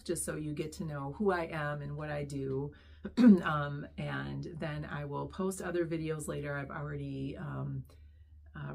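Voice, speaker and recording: A middle-aged woman, hoarse after losing her voice, chatting casually as she introduces her reselling channel with many pauses and ums. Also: deep voice, darkish tone. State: hoarse, recovering lost voice. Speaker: online reseller, channel host.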